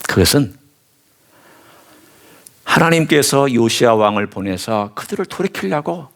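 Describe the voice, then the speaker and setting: A man's voice: mid-range voice, a little slow, creaky. A male pastor giving a sermon, reading scripture and voicing bold, rising questions to God. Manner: animated preaching, voices bold questions to God with rising intensity.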